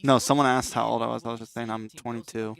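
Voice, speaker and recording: A man's voice: medium pitch, flat delivery, quick pace, gravelly, fairly bright tone. A man hosting a gaming watch party stream, chatting casually, joking and swearing freely with plenty of restarts. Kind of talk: casual chat.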